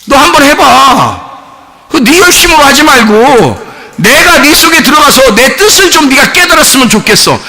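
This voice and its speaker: A soft, coaxing fatherly God who speaks slowly and patiently, as a male preacher puts him on. The voice is bright and lively, shaped by a sermon in church. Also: very high voice, roomy sound, voice pushed up, exaggerated voice.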